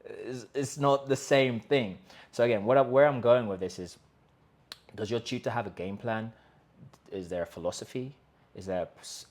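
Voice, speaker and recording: Addressing his viewers straight on from Colombia, the host of a language-learning channel makes an emphatic pitch packed with rhetorical questions and rapid restarts. His tone is somewhat dark.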